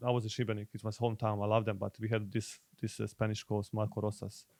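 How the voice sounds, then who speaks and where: A young man from Croatia with a Croatian accent, a guest footballer speaking English in halting, repetitive phrases in a casual podcast chat. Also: on the low side, monotone, gravelly, darkish tone, no room sound. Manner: halting, repeats words while searching for English.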